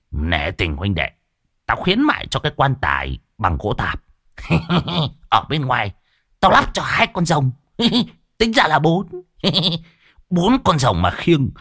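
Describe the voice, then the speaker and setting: A man's voice: a bit bright, exaggerated voice. A man voicing a panicky, foul-mouthed old man who wails and cackles at his friend in a ghost story. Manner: shrill, wailing exclamations and cackling.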